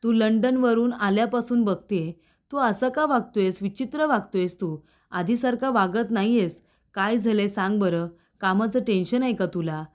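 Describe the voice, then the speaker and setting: A woman's voice: mid-range voice, moderate pace, lightly acted. A woman voicing a worried, loving older mother who coaxes and frets over her son. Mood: worried, doting. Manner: coaxing, fretful.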